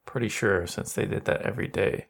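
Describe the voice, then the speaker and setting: A man's voice: on the low side, a little fast, gravelly, breathy edge. A man playing a tabletop game, chatting casually and joking often. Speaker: player.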